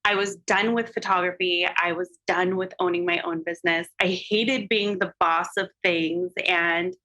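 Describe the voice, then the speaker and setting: A woman's voice: on the low side, fairly even intonation, normal speed, pushed and bright, low-quality recording. A woman speaking as a podcast guest about her photography business, telling an emotional personal story openly and filling her talk with "like" and "um". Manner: emotional and open, heavy use of "like" and "um" fillers.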